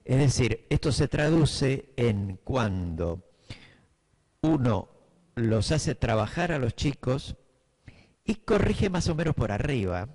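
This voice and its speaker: A man's voice: medium pitch, very animated, takes it slowly, a little mellow, slightly rough. A middle-aged man with a Buenos Aires accent giving a class to teachers, thinking aloud with fillers and often checking that his listeners follow. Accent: Buenos Aires Spanish. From Buenos Aires, Argentina. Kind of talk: lecture to teachers.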